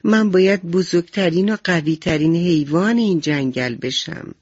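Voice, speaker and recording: A woman voicing a small, playful male frog in a radio bedtime story, exclaiming excitedly. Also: lowish voice, dry recording, muffled recording, close to an everyday voice. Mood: eager.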